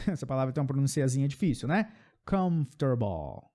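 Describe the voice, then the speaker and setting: Here a native Portuguese speaker from Brazil teaches English pronunciation, drawing out sample words slowly and asking "ok?" again and again. He speaks in a mid-range voice with a dark tone and plenty of expression.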